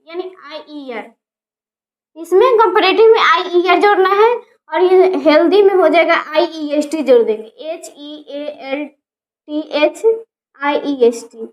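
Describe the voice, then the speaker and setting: A woman teaching a grammar lesson, spelling words out letter by letter and slowing down to sound them out. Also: very high voice, animated.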